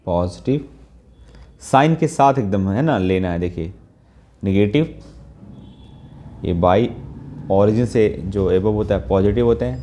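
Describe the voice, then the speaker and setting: A man's voice: lowish voice, mellow, slight background noise. A man teaching trigonometry in Hindi, explaining step by step and often checking in with the students, mixing in English math terms. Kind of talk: Hindi math lesson with whiteboard.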